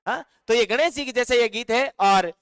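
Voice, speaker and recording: Man, Rajasthani accent, online class teacher, high voice, smooth and clear, dictates notes, sings song snippets, dry close sound. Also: normal speed, fairly bright tone, no room sound. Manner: reads live chat comments aloud and answers them.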